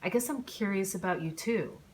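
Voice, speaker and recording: A woman's voice: mid-range voice, brisk, a little hiss or hum, natural voice. A woman voicing a skeptical, teasing young woman being asked on a date. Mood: teasing wary. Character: wary, amused young woman, teasing but hesitant.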